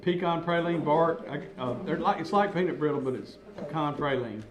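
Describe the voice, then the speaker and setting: A man's voice: fairly high pitch, normal speed, crowd noise. A man hosting a live radio auction, reading out bids in a folksy, chuckling way.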